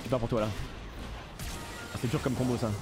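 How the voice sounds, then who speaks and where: A man commentating his own game live, excitable and swearing, with mock-formal asides and bits of English. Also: mid-range voice, brisk, music in the background. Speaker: streamer.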